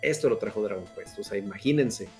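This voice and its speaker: A man, a podcast co-host, giving a relaxed, slangy wrap-up of a game. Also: on the low side, fast talker, soft background music. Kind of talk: casual podcast chat.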